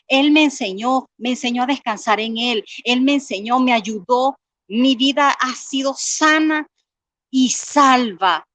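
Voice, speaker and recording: A woman's voice: high voice, fairly bright tone, no room sound. A woman giving an earnest personal faith testimony, reading scripture aloud and often repeating words as she pleads with listeners.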